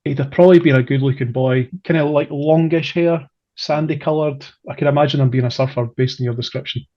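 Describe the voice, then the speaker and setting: A man's voice: a little high, fairly even intonation, a little fast. Musing Scottish man, dull lo-fi sound. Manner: musing, speculative, drily playful. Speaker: podcast co-host. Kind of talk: casual comedy podcast chat.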